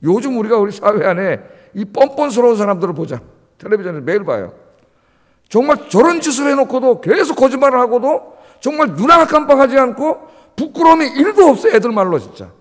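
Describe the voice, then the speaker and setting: A man's voice: extremely high pitch, sing-song, brisk. A man preaching an early-morning sermon in a church, emphatic, firing rhetorical questions at the congregation. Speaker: pastor. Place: church sanctuary. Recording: long church reverb.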